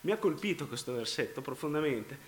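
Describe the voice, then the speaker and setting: A man preaching a sermon, congested and often clearing his throat, swinging between loud emphasis and low, quiet phrases and repeating his words. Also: big pitch swings, brisk, echoey room.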